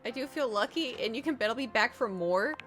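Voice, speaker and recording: Higher-voiced woman reacting to a game. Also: expressive, a little fast, a bit bright, faint music behind. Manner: reactive, exclaiming. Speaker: gamer playing on camera. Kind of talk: casual gameplay commentary.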